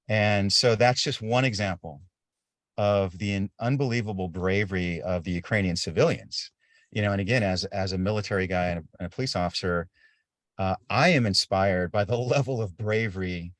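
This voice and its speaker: A man's voice: lowish voice, no room sound, clean studio sound. A middle-aged man telling war-zone stories as an interview guest on a video call, earnest and repeating words as he builds a point. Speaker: interview guest, aid volunteer. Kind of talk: casual storytelling on a video call.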